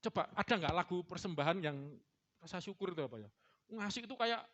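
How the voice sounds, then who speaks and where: A man's voice: high-pitched, lively intonation, fast talker, a bit bright. A male pastor with an East Javanese accent gives a chatty, teasing sermon in a church, slipping in Javanese words. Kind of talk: casual joking sermon. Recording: dull lo-fi recording.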